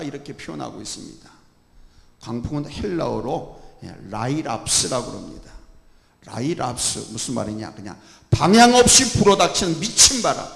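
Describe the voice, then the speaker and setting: A man preaching a sermon as pastor, animated and bursting into loud emphasis, in a church sanctuary with an echoey hall sound. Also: on the high side, creaky. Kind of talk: expository sermon. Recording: echoey hall with long reverb.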